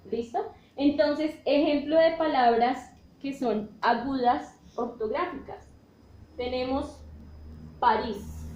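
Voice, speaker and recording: Slow, patient woman teaching a lesson. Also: high voice, a little mellow, reverberant, a little hiss or hum. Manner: slow and patient, checks in often with "¿listo?". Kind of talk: spanish grammar lesson.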